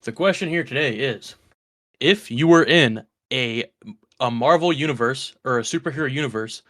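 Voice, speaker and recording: A man's voice: mid-range voice, moderate pace, a bit bright, dry recording, studio quality. A man hosting a casual video game podcast, joking and slangy. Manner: laid-back, joking, slangy. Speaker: podcast host.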